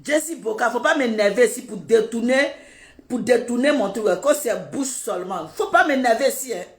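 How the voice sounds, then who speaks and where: Animated woman ranting on a livestream. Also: fairly high pitch, normal speed, echoey room. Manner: animated, indignant, repeating rhetorical questions with laughs. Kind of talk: livestream commentary.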